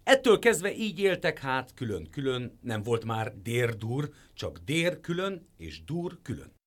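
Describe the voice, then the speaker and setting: A man narrating a fairy tale, acting out the voices as he reads. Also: medium pitch. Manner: very animated, acts out voices. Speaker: storyteller. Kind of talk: storybook narration.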